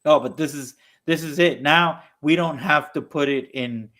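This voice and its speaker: A man's voice: fairly high pitch, normal speed. A man co-hosting a casual political podcast, talking animatedly with frequent fillers and mocking put-on voices. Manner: animated, mocking impressions of opponents. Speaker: podcast co-host.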